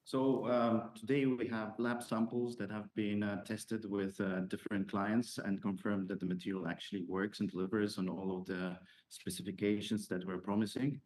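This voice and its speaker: A man explaining his startup in answer to investor questions, pausing often as he phrases things. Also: lowish voice, little pitch movement, a little mellow. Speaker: startup founder.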